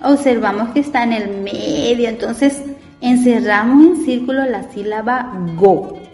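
Slow patient woman teacher, echoey room. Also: a little high, darkish tone. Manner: patient, spells out syllables and asks the class questions. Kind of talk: reading and spelling lesson for children. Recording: echoey room with long reverb and faint music.

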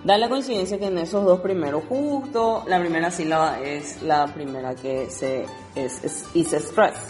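A woman teaching English to Spanish speakers, explaining exercises and reading each word slowly twice. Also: on the low side, darkish tone, echoey room, big-room sound, faint music behind. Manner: switches between Spanish and English, reads words slowly twice. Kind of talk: recorded lesson explaining exercises.

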